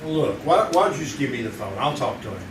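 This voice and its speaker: An actor playing a stubborn, loyal newspaper crime photographer, defensive and slangy, in a live old-time radio drama. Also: male voice, mid-range voice, sing-song, quick pace, natural voice. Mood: firm, urgent. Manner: defensive, insistent, tough slangy talk. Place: theater stage, performed live. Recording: distant, echoey live stage, noisy room.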